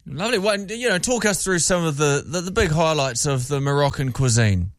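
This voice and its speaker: Lively high-voiced New co-host. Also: male voice, brisk. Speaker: radio co-host. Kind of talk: morning radio chat.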